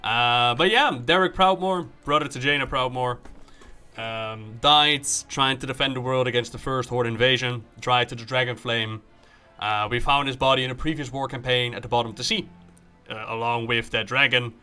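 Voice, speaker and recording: A man's voice: medium pitch, fairly even intonation, moderate pace, pushed and bright, clean tone, soft background music. A man streaming a game, commenting live, joking, recapping the story and acting out dialogue as he reads.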